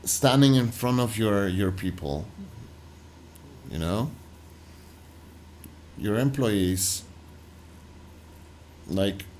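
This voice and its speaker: A man hosting a reaction video, talking loosely and haltingly over footage he is watching. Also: lowish voice, expressive, a little mellow, slight background noise. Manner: loose, halting, full of "like" and restarts. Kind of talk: casual commentary over footage.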